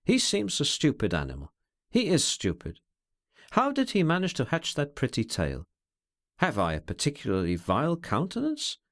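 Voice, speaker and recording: A man reading aloud, voicing a brooding, bitter man who talks over his feelings in an introspective, measured way. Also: fairly high pitch, wildly swooping pitch, a bit bright, full character voice. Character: brooding, scornful, self-searching man.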